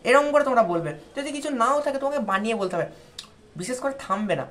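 A woman from India speaks directly to students in a slightly high, animated, quick voice. As a tutor offering exam advice, she patiently walks them step by step through how to speak in front of others.

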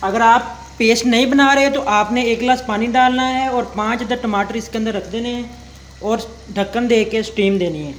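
A man's voice: very high-pitched, fairly even intonation, moderate pace, a bit bright, a little hiss or hum. A young man hosting a cooking channel, explaining a recipe step by step in a polite, formal way with religious greetings.

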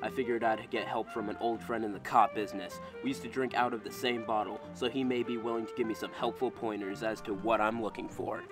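A man's voice: fairly low pitch, fairly even intonation, fairly quick, few pauses, natural voice. A man playing a wry, world-weary hard-boiled private detective who narrates his own case in a noir radio drama. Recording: music behind.

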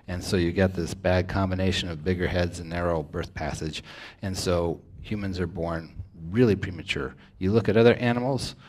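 A man hosting a studio talk show, explaining ideas at length in a steady lecturing manner at a table mic. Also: deep voice. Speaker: host. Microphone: stand mic at table.

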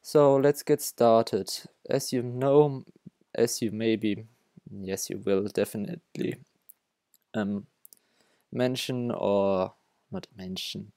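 His voice leans low and warm, recorded dry with clean studio sound. The speaker, a young man from Germany with a German accent, hosts a developer tutorial over his screen, halting frequently to restart sentences and make self-corrections.

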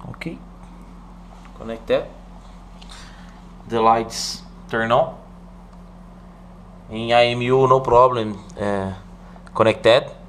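Seated at a desk in an indoor room, a man from Brazil demonstrates a hardware setup in a practical tutorial, his English halting and colored by a Brazilian Portuguese accent. Lots of "uh" sounds and "okay?" checks break up his explanation. He has a mid-range voice, with slight hiss or hum behind it.

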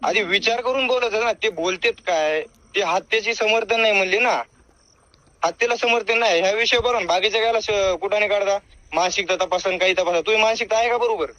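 High-pitched, sharp man arguing by phone. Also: a little fast, dry recording. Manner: confrontational, insistent, interrupting, badgering with questions. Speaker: caller confronting the other man. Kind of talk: heated argument on a phone call. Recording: over a phone line, dry. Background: voice on a phone call.

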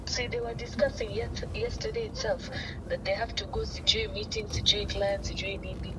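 A woman with a Kenyan accent chatting casually and emphatically over a phone loudspeaker, mixing English with Swahili. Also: medium pitch, sing-song, moderate pace, background noise. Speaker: friend on a phone call. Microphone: phone loudspeaker in a car. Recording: distant phone speaker, loud music behind.

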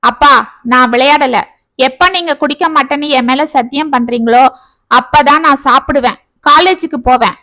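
A woman's voice: high-pitched, normal speed, pushed and bright, no room sound. A woman voicing a determined college-age daughter who pleads insistently with her father in a storybook tale.

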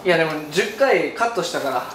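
Male, Kansai accent, animated casual banter, echoing room with clear background noise. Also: on the high side, fast. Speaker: comedian hosting a challenge video. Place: bare indoor studio room. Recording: roomy, distant mic, clear background noise.

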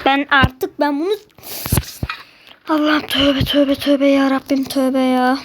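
A woman doing live gameplay commentary, excitable and quick to fly into frustrated outbursts at her opponents. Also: high-pitched, noisy background. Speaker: gamer.

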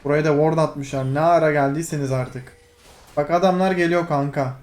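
High-voiced excitable young man gaming. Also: normal speed. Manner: excitable, teasing, shouts at teammates and laughs. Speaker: gaming streamer. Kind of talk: live gameplay commentary.

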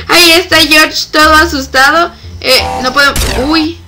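A young woman giving let's-play commentary on a game, excitable, shrieking and laughing when chased. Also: high-pitched, unhurried, very noisy. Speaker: gamer.

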